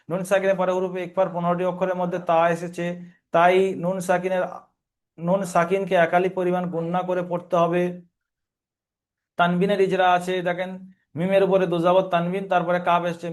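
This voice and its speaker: A man teaches a recorded online lesson. He goes step by step, posing questions and answering them himself in a patient, drilling way. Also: high voice. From Bengal region of India. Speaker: Quran reading teacher.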